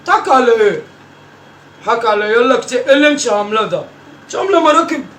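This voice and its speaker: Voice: mid-range voice, expressive, very fast, a bit bright, close to an everyday voice. A performer playing a teasing, bossy old Egyptian grandmother who scolds her grandchildren, repeating herself in a comic family sketch. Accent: Egyptian Arabic. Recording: roomy echo, from far off, faint noise.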